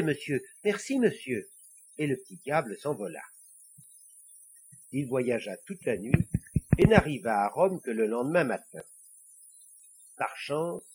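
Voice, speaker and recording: A man narrating a children's storybook, expressive and confiding asides to the listener. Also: medium pitch, husky.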